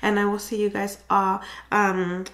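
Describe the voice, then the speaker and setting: A woman's voice: medium pitch, steady tone, a little slow, a little hiss or hum. A woman vlogger talking casually to her viewers, full of "um" and "like." Her voice sounds stuffy and congested, and the room around her is echoey. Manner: chatty, many fillers and likes. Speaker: beauty vlogger. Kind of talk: casual chat to camera.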